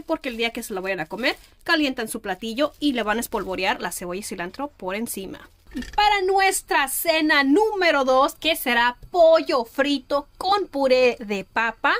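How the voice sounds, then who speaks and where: A woman walks viewers through a recipe in a bright, high voice. She sounds homey and enthusiastic about the food. The voice-over is recorded close and dry, with no room sound. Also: no echo. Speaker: cooking channel host. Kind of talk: voice-over cooking tutorial.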